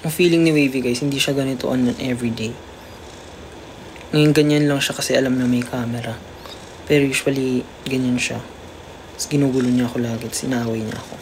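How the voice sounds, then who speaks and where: A livestream host chatting casually to viewers about a pet cat, at times slipping into a high coaxing baby voice for the cat. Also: steady tone, fairly quick, long pauses, darkish tone, slight background noise. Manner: chatty, keeps addressing viewers.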